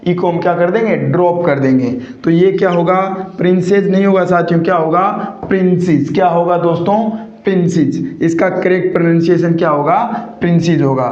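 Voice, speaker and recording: This grammar teacher talks a little fast with few pauses, his voice sitting high, fairly even in intonation and slightly mellow. He keeps quizzing the class and supplying the answers, going over each key point again, in an echoey, dull, lo-fi room.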